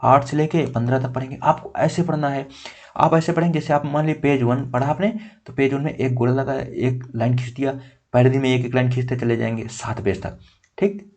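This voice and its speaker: A young man coaching for exams, with a voice of average pitch. He talks casually and keeps checking with "okay". He counts pages out loud as he shows his notes. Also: fairly even intonation, fairly quick. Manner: conversational, repeats "theek" often, counts pages aloud. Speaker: exam coach. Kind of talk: casual tutorial, showing notes.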